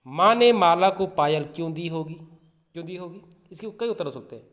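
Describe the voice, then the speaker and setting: Hindi teacher with a slightly high voice. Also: male voice, animated, brisk, fairly bright tone, long reverb tail. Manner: asks repeated questions and answers them himself; acts out sounds like bells and drums. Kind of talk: classroom lesson explaining a textbook.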